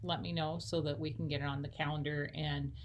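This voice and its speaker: A woman's voice: low voice, flat delivery, a little fast, slight background noise. A woman who coordinates church missions, chatting casually with many fillers and easy laughter. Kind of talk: casual chat.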